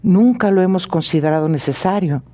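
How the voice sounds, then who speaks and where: A proud old country squire answers in short, testy lines, as a male reader plays him. The voice is mellow and warm, a little raised in pitch, impatient under its courtesy in this audiobook. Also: a little fast, natural voice. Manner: curt, testy replies. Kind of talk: audiobook reading.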